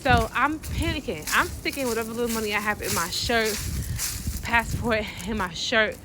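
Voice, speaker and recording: An American woman telling a story casually, animated and slangy, often acting out the voices of other people. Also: on the high side, normal speed, background noise. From United States.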